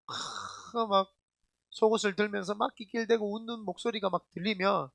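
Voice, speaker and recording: A man's voice: sits high, fairly even intonation, fairly quick, gravelly, a bit bright, no echo, clean studio sound. A male senior pastor preaching a sermon in an emphatic, colloquial storytelling way, often putting questions straight to the congregation. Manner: addresses the congregation directly with questions.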